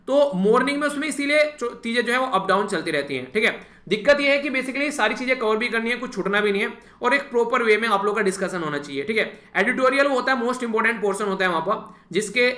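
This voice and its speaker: A man delivers a casual spoken exam-prep lecture at a brisk pace, his high voice bright and forceful. He keeps saying "thik hai" as a filler and speaks directly to his students, while the room echoes around him.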